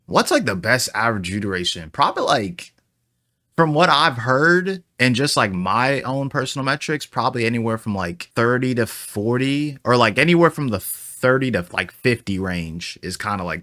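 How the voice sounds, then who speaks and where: A man's voice: medium pitch, lively intonation, normal speed, fairly bright tone, dry recording, studio quality. A man streaming a casual reaction to a video, thinking aloud in a chatty way with lots of fillers.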